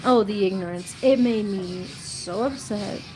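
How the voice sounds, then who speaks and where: A woman's voice: mid-range voice, a little slow, over music, low-quality recording. A woman in her thirties telling rambling, chatty stories about her past on a casual live stream, often breaking into laughs. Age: 30s. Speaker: storytelling creator.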